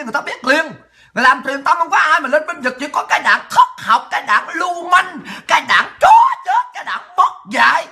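A woman rants to her livestream audience in a very high, sharp and cutting voice. She is furious throughout, hurling insults and often shouting. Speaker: political livestream host. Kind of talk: angry political rant.

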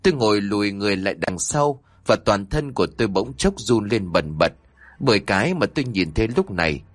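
A man narrating a scripted horror story in a dramatic, expressive way. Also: on the low side, brisk, dry recording.

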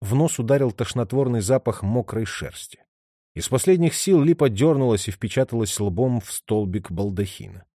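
Expressive male audiobook narrator. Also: mid-range voice, normal speed, dry recording, clean studio sound. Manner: expressive storytelling. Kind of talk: scripted narration.

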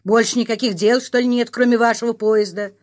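A woman voicing a loud, complaining male truck driver in an audiobook reading, with a whiny, indignant manner. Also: a little high, fairly even intonation, a little fast, voice pushed up, close to an everyday voice.

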